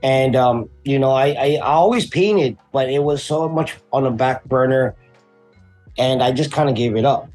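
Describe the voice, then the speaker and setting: A man's voice: medium pitch, moderate pace, a little mellow, faint music behind. A man from Hawaii, a custom painter and tattoo artist, telling his story as a guest in a casual interview. He talks in a laid-back, slangy way, with lots of fillers as he drifts from one point to the next.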